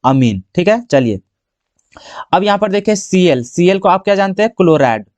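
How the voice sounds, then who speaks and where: A high-pitched man walks students through exam chemistry, firing off questions and answering them in the same breath. The sound is dry and close, with no room around him. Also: big pitch swings, moderate pace, darkish tone, dry recording. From Jharkhand, India. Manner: asks the class questions and answers them himself. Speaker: chemistry teacher. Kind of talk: exam-prep classroom lesson.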